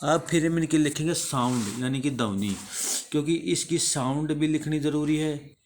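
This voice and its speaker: A man with an Indian accent teaching the English alphabet in a slow, repetitive lesson, asking a question and then answering it himself. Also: fairly high pitch, darkish tone, a little hiss or hum. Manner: slow, repeats each answer after asking it.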